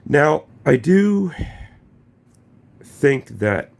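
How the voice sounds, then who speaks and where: Congested from a cold, this young male gaming YouTuber swears freely and keeps stumbling, stammering and restarting through his casual vlog commentary. He speaks extremely slowly in a slightly high voice with vocal fry, yet sounds very animated.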